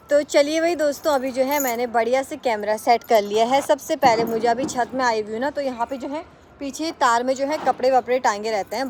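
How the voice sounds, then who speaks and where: Casual young woman vlogger, bit high-pitched, rambly and friendly to viewers, outdoors with some faint noise. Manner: chatty, addresses viewers as friends, rambling with self-corrections. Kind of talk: casual vlog chat to camera. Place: rooftop, outdoors.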